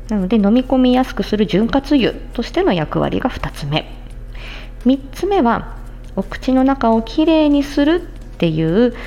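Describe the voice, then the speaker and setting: Her voice is fairly low and dark-toned. She's a podcast host and speech-language therapist, explaining a health matter to her listeners in simple, conversational terms.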